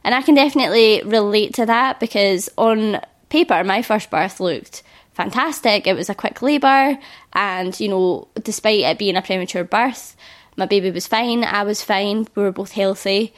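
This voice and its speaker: Earnest and reassuring, a woman in her thirties hosts a solo podcast as a birth educator. Her medium-pitched voice moves at normal speed and is slightly croaky due to illness.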